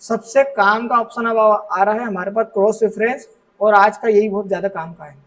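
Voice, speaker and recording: High-voiced man teaching a computer class. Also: fairly even intonation, moderate pace, a bit bright, far from the mic, low-quality recording. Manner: explains step by step, often checks understanding with "ठीक है". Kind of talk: classroom software lesson. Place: classroom with students present.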